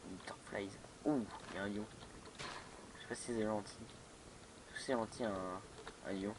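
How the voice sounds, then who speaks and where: A man's voice: lowish voice, fairly even intonation, normal speed, noisy background. Hesitant man commenting on his game. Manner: hesitant, many fillers and restarts, laughing to himself. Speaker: gamer playing a modded block-building game. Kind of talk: casual let's play commentary.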